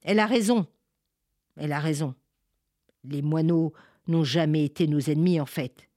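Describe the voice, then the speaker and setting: A woman's voice: sits low, steady tone, mellow, no echo, studio quality, natural voice. Woman voicing a wise, regretful old village elder. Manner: measured and regretful.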